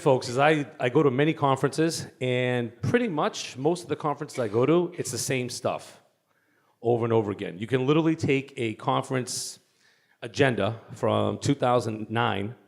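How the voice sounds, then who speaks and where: A man from the Boston area speaks in a mid-pitched voice with a Boston accent. He talks to a conference audience in a loose, joking way and teases people in the room. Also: vocal fry. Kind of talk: lively conference talk. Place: conference hall.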